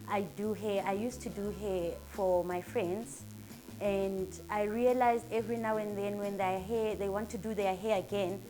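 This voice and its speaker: A salon owner from Durban, a woman in her thirties with a South African accent, answers interview questions. She is earnest, upbeat and motivational, speaking in a mid-range voice.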